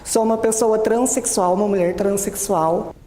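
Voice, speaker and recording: A woman in her twenties with a Brazilian accent, calmly telling her personal story. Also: medium pitch, normal speed, slight background noise. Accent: Brazilian Portuguese. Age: 20s. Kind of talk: personal testimony. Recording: echoey room with long reverb.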